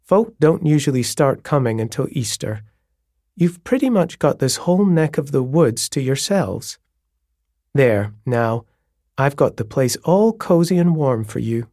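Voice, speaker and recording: A man's voice: medium pitch, expressive, unhurried, dark tone, no echo, studio quality. A man voicing an eager, chatty landlady in her sixties whose voice lifts at the end of each sentence. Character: eager chatty woman landlady, sixty-ish. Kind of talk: audiobook character voice.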